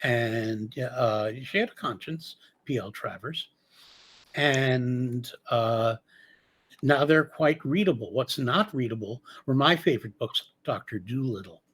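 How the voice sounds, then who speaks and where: A man hosts a radio interview at an unhurried, slow pace. He speaks haltingly, with many pauses and restarts. His voice sits at an ordinary middle pitch for a man. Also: fairly bright tone, slightly rough. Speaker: radio show host.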